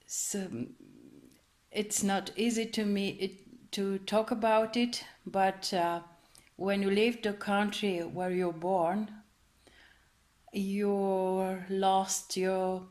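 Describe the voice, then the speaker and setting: A woman gives a personal account in slow, careful English. She pauses often and searches for the right words. Her voice sits in a middle pitch. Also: level tone, darkish tone. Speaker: interviewee. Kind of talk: personal testimony to camera.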